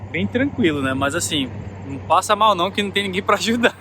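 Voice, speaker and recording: A man's voice: high-pitched, lively intonation, brisk, noisy background. Chatty man, outdoors. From Recife, Brazil. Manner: chatty, easygoing, pointing things out. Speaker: travel vlogger. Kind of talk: casual on-location vlog chat. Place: outdoors in a village. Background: loud music and outdoor sounds.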